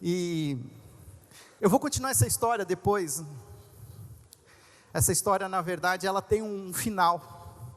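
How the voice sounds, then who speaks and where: High-voiced man preaching in an echoing hall. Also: unhurried, pauses often. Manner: animated, conversational storytelling with audience asides. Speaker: pastor. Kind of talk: storytelling sermon. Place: large congress hall. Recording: long reverb of a large hall.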